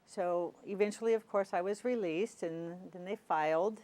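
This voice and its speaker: A woman's voice: mid-range voice, moderate pace, mellow. Hesitant woman telling her story. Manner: hesitant, often clears throat, with frequent fillers. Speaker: guest.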